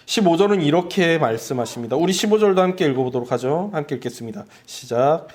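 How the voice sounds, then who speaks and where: A man's voice: fairly high pitch, expressive, fast, a little mellow. A middle-aged man preaching a sermon earnestly, leading his congregation through scripture. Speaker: pastor.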